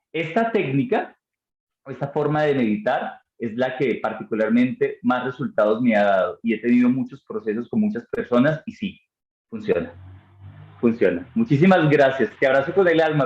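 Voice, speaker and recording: A man's voice: medium pitch, lively intonation, normal speed, darkish tone. A man teaching a live online class on mind and meditation, answering chat questions in an encouraging, effusive way, with hesitant fillers as he thinks aloud. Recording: dull, roomy sound.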